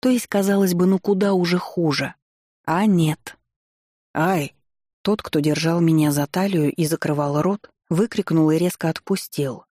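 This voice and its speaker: A narrator reading a first-person fantasy story aloud in a wry, expressive manner with ironic asides. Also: medium pitch, normal speed, no echo, studio quality. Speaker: audiobook narrator.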